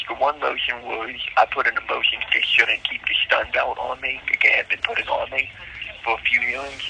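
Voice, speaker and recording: A man calling over a prison phone line, recounting his court troubles earnestly and haltingly, with frequent ums and restarts. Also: medium pitch, gravelly, noisy background. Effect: heard over a prison phone line.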